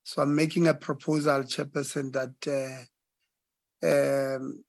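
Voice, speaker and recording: Slow, halting man in committee. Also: mid-range voice, flat delivery, gravelly, a little mellow, dry recording. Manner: halting, with many fillers. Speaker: committee member. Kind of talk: formal committee debate.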